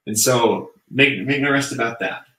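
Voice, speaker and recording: A man's voice: medium pitch, moderate pace, bright, forceful tone, reverberant, rough recording. A young man co-hosting a sales webinar in casual, chatty talk, upbeat and loose with fillers. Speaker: webinar co-host.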